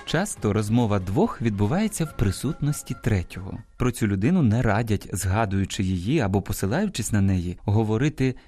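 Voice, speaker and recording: A man's voice: fairly low pitch, animated, fairly quick, few pauses, warm tone, faint music behind. A man presenting a scripted radio talk on language, explaining carefully and stressing the example words. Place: radio studio.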